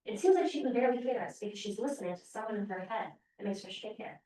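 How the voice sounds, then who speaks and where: A woman author reads from her novel at a podium in a library room, giving the story an expressive first-person telling. The room is very echoey and her voice sits some distance from the microphone. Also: mid-range voice, fast talker, slight background noise. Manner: expressive first-person reading, brief hesitations between parts. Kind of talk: reading aloud from her novel. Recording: very echoey room, voice far from mic.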